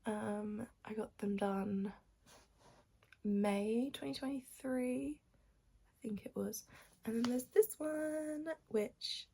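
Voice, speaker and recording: A young woman chats to her camera at home, her voice very raspy and rough with sleep. She rambles along in a hushed, half-whispered way, audible fry running through her words as she talks casually about her plans. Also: a little high, takes it slowly, pauses often. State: morning voice, just woken up. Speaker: vlogger. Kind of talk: casual morning vlog chat. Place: at home with her cat on her lap.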